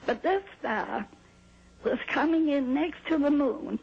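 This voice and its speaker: An older woman from New Hampshire calmly recounting a personal experience in an interview, heard on an old VHS tape. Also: high-pitched, takes it slowly, gravelly, lo-fi sound. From New Hampshire, USA. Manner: calm, plain storytelling with small laughs and restarts. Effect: old VHS tape sound. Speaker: interview guest.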